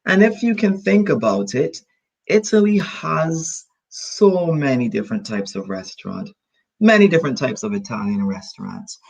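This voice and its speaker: A man leads an online English class over a video call. His pitch rises and falls a lot, and his voice has a slightly husky grain. He explains patiently, repeating each point and circling back with synonyms. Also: very animated, rough recording. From Barbados. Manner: explains slowly with many repetitions and synonyms. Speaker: English teacher.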